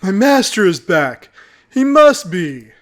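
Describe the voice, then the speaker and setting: A man's voice: sits high, very animated, slow, heavily acted. A man voicing an old, blind dog who anxiously waits for his master. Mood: eager.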